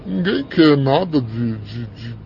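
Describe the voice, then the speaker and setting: A man's voice: medium pitch, expressive, slow, gravelly, darkish tone, dull audio. A man speaking through a voice distortion that hides his identity, talking hesitantly with repeated words and tag questions. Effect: voice distorted to hide identity. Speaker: listener caller. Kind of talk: casual chat.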